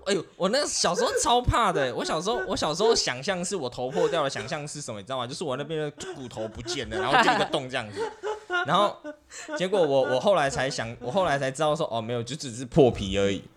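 A man, co-hosting a podcast and telling childhood stories in a casual, animated way, often laughing at himself. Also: fairly high pitch, fast, a crowd in the background. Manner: animated, laughing, self-mocking storyteller. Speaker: podcast co-host. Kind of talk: casual chat, storytelling.

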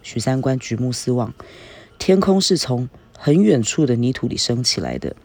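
Man narrating a novel, mid pitch, steady, unhurried, dry close sound. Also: husky, dry recording. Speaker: reader. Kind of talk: reading a novel aloud.

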